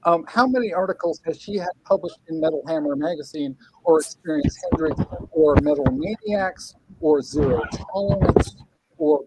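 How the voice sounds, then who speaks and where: A middle-aged man, a guest writer on a video call, rants angrily in a livestream, swearing, repeating words and stumbling through restarts. His voice is fairly high with vocal fry, and the recording is very noisy.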